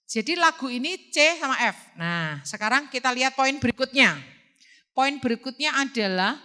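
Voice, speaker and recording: A woman teaching a music class, singing solfege examples between brisk explanations. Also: high voice, lively intonation, bright, forceful tone.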